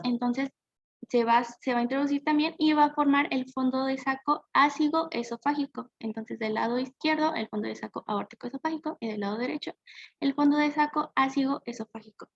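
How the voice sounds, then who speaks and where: A young woman presents to her class in a high, gravelly voice, pausing on fillers and correcting herself as she goes. The recording is dry and dull, with a lo-fi edge. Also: no echo. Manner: hesitant, frequent fillers and self-corrections. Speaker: student presenter.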